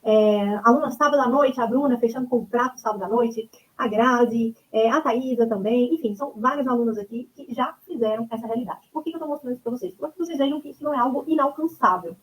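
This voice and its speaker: In a rough webinar recording, a fast-talking woman in her thirties from Goiânia, Brazil, pitches her online course with a fairly high voice. She speaks with a Brazilian Portuguese accent, keeps checking in with her audience, and chats along with tags such as "né?" and "tá?".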